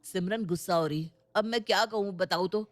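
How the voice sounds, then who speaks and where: A woman's voice: medium pitch, brisk, natural voice. A defensive young husband from an audio storybook complains that he is too busy with work, played by a woman. He sounds exasperated and put upon. Faint music plays behind him.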